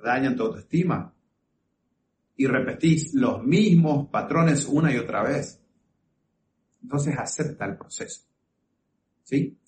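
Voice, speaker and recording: A man's voice: mid-range voice, a little hiss or hum. A man giving earnest, coaching advice straight to the listener, often checking in with short questions. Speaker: relationship advice speaker. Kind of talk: direct-to-camera advice talk. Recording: echoey room with faint ambience.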